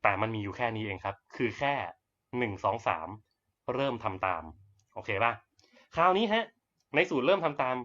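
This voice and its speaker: Man, mid-pitched, crude and offhand, selling on a lo-fi live stream. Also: very animated, normal speed, bright, forceful tone. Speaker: network marketing presenter.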